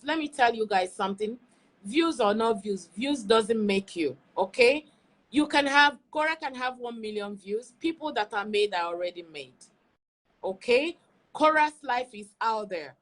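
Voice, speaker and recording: A woman hosts an opinionated livestream, giving emphatic social media commentary as an online video host and repeating phrases to hammer her points home. Her voice is fairly high-pitched with a fairly bright tone.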